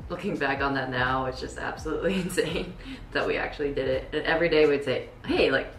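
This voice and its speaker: A young woman chatting casually in a vlog, relaxed and laughing often between her words. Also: low-pitched, quick pace, echoey room, a little hiss or hum. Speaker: vlogger and beach volleyball player.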